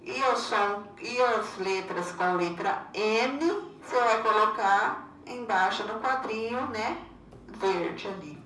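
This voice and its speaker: A woman's voice: mid-range voice, slow, sharp tone, slight background noise. A Brazilian woman teacher giving a patient video lesson to children, repeating each instruction and often checking with "né?". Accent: Brazilian Portuguese. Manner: patient, repeats instructions, many "né?" tag questions. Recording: roomy echo, far from mic, faint ambience.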